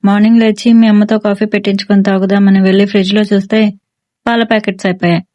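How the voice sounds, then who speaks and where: A woman voicing a stern, middle-aged police officer father who scolds and shouts orders at his son, in a storybook reading. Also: mid-range voice, little pitch movement, quick pace, muffled recording, lightly acted. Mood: coaxing.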